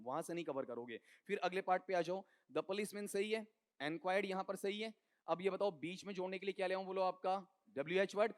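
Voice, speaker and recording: A man teaching English grammar for an exam, coaxing students with quick questions in Hindi and English. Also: high-pitched. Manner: mixes Hindi with English terms. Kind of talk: exam-prep lesson.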